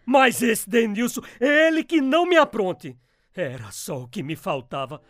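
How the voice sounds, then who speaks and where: A man playing a gruff, protective father in an amateur radio drama, blustering and exclamatory. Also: sits high, sing-song, a little slow, a bit bright, no echo, exaggerated voice. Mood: agitated. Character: middle-aged father, gruff, protective, hot-tempered.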